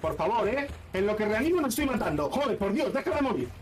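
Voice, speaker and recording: High-voiced Spanish game streamer. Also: male voice, quick pace, far from the mic, noisy background. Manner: excited running commentary with swearing and teasing. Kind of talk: live gameplay commentary.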